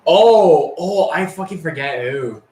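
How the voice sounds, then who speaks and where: A man's voice: a little high, lively intonation, slow pace, a little mellow. Rambling, foul-mouthed teen guy in an echoey room. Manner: rambling, profane and crude, with many fillers. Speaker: storyteller. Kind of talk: casual storytelling.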